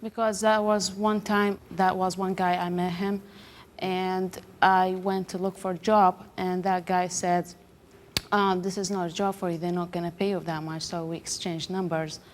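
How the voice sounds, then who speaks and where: A young woman from Iraq, a talk show guest who speaks natively and talks in halting English full of restarts. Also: lowish voice, little pitch movement. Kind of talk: emotional talk show confession.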